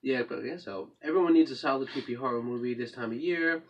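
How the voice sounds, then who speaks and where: A man's voice: medium pitch, fast, distant mic, dull audio. A man co-hosting a casual movie chat, joking and rambling, often trailing off mid-sentence. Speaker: co-host of a movie review show.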